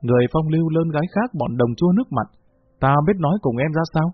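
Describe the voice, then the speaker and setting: A cocky young man who teases his friend and brags about girls, as a husky-voiced male narrator puts him on. The voice stays close to the reader's own and sounds muffled and dry. It comes from a read-aloud storybook. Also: a little high, expressive, fast talker, no room sound. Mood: mournful. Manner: boastful, mock-wise teasing.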